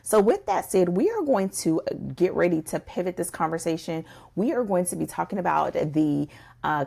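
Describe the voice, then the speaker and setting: Low gravelly woman podcast host. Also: a little mellow. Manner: emphatic, addresses listeners directly. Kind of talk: casual conversational podcast.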